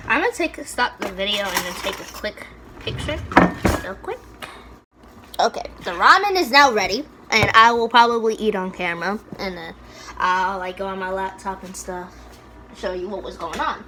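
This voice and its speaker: A woman's voice: mid-range voice, moderate pace, pushed and bright, a little hiss or hum, poor audio. A young woman chatting casually while cooking, telling a story in a rambling way and often correcting herself. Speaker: cooking vlogger.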